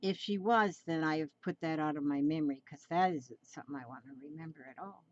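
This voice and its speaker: A woman in her seventies talks her way through a drawing tutorial, rambling, coaxing, and often repeating phrases. Her voice sits low and moves fast, with the highs cut off.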